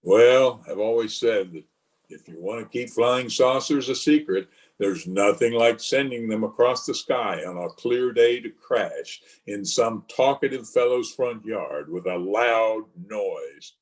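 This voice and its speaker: An actor playing a dry, formal small-town mayor in an old-time radio comedy, sarcastic and easily flustered. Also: male voice, fairly low pitch, unhurried, natural voice. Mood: wry. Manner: formal, sarcastic, getting tongue-tied.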